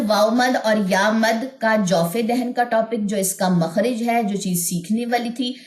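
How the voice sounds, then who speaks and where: A woman whose voice sits a little high and echoes teaches Quran recitation online. Blending English into her explanation of pronunciation, she models each tajweed example with long, drawn-out vowels.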